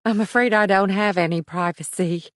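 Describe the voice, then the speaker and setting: A male narrator voices a weary young mother of about thirty, dry and frazzled and quick to chatter, in a wry, weary mood. His voice sits high with a fairly bright tone, pushed up, with no room sound.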